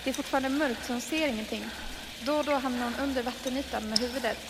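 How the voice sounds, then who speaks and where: A woman with a high voice tells a creepy tale, drawing out the tension as she goes. Her voice rings with a long reverb, and loud frying and sizzling carries on behind her. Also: fairly even intonation, heavy background noise. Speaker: storyteller. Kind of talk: improvised horror storytelling.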